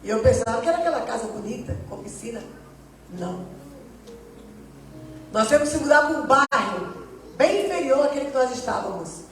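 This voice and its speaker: A woman's voice: fairly high pitch, expressive, brisk, long pauses, slight background noise. A woman missionary giving a testimony sermon, telling her story and acting out the dialogue. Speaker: missionary preacher. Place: church hall. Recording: echoey church hall, distant mic.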